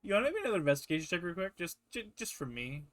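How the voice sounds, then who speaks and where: A man's voice: high-pitched, very animated, racing, fairly bright tone, a little hiss or hum. A man running a tabletop game as game master for his friends, teasing them, laughing often and tripping over his words.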